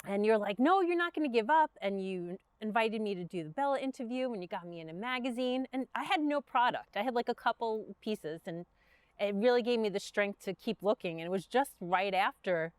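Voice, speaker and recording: Brooklyn-accented woman, guest entrepreneur, chatty and earnest, smooth voice, dry sound. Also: mid-range voice, brisk, dry recording. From Brooklyn, New York. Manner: chatty, storytelling, earnest, many fillers. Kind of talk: casual interview chat.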